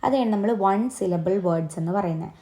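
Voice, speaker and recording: A woman's voice: lowish voice, brisk, dark tone. Malayali woman teaching exam prep. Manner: explains step by step, asks the viewer to try. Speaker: English teacher.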